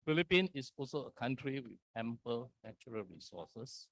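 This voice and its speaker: A man from Singapore giving a conference presentation, walking through slides in slow, deliberate short phrases. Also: mid-range voice, expressive, fairly bright tone, dry recording. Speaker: conference speaker. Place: conference hall.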